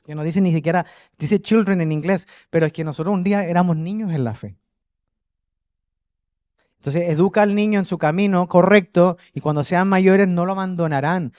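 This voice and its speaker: Male preacher, higher voice, animated and jokey, close dry sound, addressing a congregation. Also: no room sound. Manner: animated, jokey, shifts from quiet asides to loud exhortation. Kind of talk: lively Spanish-language sermon. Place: church in front of a congregation.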